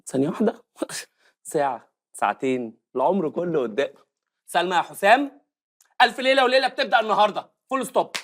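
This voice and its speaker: An actor playing a scheming, flustered Egyptian husband who stammers and mutters asides in a comedy film. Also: male voice, high voice, expressive, fast talker, a bit bright, dry recording, studio quality. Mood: boastful. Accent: Egyptian Arabic. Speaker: comic actor.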